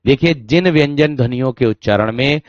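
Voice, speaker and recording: Speaking fairly quickly in a mid-range voice, a man runs an online Hindi grammar class. He keeps calling students dear friends, repeats his phrases, and demonstrates sounds by saying syllables over again. The recording is dry, dull and lo-fi.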